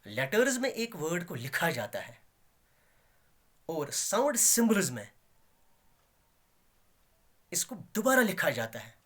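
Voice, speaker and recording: A man's voice: sits high, fairly bright tone. A man with a Kashmiri accent teaching English letters and sounds in a classroom-style lesson, repeating key words and pushing hard on his examples. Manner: explains slowly, repeats key words, rises emphatically on examples.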